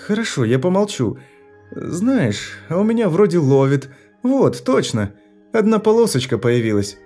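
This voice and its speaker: A man reading an audiobook, voicing a frightened, angry young woman who answers in sharp, indignant retorts. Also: a little high, very animated, measured pace, faint music behind, voice pushed up. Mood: defiant.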